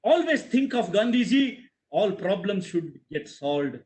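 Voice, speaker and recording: A man's voice: sits high, very animated, measured pace, darkish tone. An Indian man giving a motivational webinar talk, emotional and emphatic, often repeating phrases for effect. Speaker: webinar speaker.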